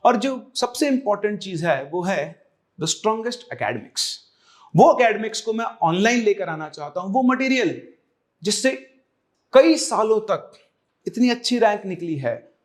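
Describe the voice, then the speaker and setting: A man's voice: high-pitched, expressive, measured pace. An online exam-prep teacher explaining to his viewers why he made a career move, in an earnest way, mixing in English phrases. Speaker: online JEE/NEET teacher.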